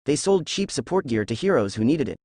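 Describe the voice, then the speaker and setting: Man, mid pitch, steady storytelling narration, dry close sound. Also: fairly quick, no echo. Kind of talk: reading fan fiction aloud.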